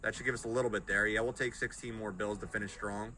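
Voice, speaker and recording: Bright-voiced young man urging slots on. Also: fairly low pitch, steady tone, fast, a little hiss or hum. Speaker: slot streamer. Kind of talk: live slot-play commentary, urging the reels on. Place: indoor streaming setup.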